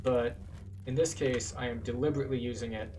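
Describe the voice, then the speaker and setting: Speaking briskly in a medium-pitched, steady voice, this man talks through his playthrough like a methodical tour guide of the game. His commentary is casual and explanatory, and the distant mic catches a noisy background with game music.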